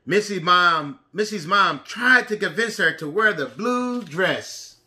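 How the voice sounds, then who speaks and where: This pre-kindergarten read-aloud comes from a woman whose voice is on the low side, bright, and forceful, with lively intonation and a slow pace. She questions the little ones simply and hits key words emphatically.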